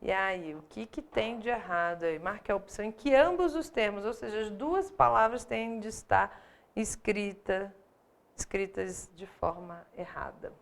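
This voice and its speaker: Brazilian woman, grammar teacher, explains step by step and checks in often, slight gravel in the voice. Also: medium pitch, a little slow. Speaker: Portuguese teacher for exam prep. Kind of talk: live online grammar lesson.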